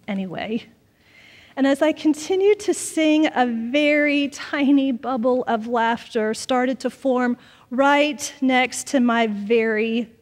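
Woman pastor, sermon, unhurried and soft at line ends; church reverb. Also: sits high. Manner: measured, trailing off softly at phrase ends. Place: church sanctuary. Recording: long reverb of a church sanctuary.

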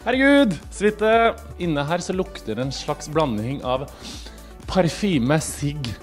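Over soft background music, an expressive young man whose voice is on the high side hosts an entertainment show. He strolls through a villa, mocking it playfully with theatrical asides into a handheld mic, in a comic house tour with studio chat.

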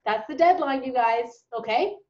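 Her voice going from a cold, a woman in her thirties who tutors dental hygiene chats to her webcam from a little bedroom. She sounds high-pitched and expressive at a moderate pace, stumbling through many ums and false starts, and the desk-distance webcam audio is dull and lo-fi.

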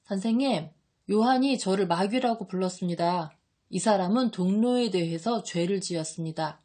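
A woman's voice: mid-range voice, normal speed, warm tone, natural voice. A woman reading an audiobook, voicing a resentful male disciple who mocks and complains. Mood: indignant. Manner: mocking, indignant.

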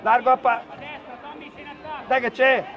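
A man's voice: very high-pitched, little pitch movement, slow. A man coaching a youth football team from the sideline, calling out urgent, repeated instructions to his players outdoors. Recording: muffled outdoor recording with crowd. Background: crowd noise.

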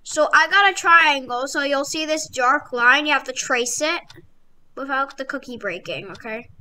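A female gaming host giving excited, casual gameplay commentary and explaining things as she plays. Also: high-pitched, moderate pace.

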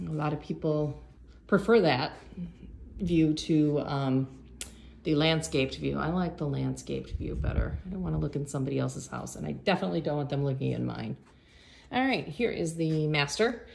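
Chatty low-voiced woman giving a home tour. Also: moderate pace, creaky, darkish tone. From Florida. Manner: chatty, upbeat, filler-heavy. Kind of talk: casual walkthrough narration. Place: empty condo, indoors, walking room to room. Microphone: phone camera held while walking. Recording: echoey empty rooms with background noise.

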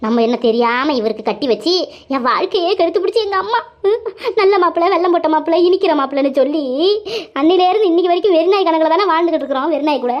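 A middle-aged cartoon wife who wails and complains at length, her voice pitched very high. She talks fast, and the sound is dull and lo-fi. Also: lively intonation. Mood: complaining. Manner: crying, lamenting loudly, calling on God. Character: wailing middle-aged village wife, self-pitying. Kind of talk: cartoon comedy dialogue.

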